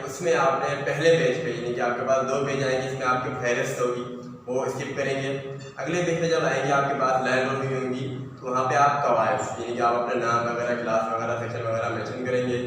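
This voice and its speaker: A man teaches a lesson, going through each point patiently and step by step. His voice sits at an ordinary pitch. He is recorded from some distance in a strongly echoing room with a long reverb and faint background noise. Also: little pitch movement, a little fast, a bit bright. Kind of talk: classroom lesson. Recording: echoey room, heard from far off.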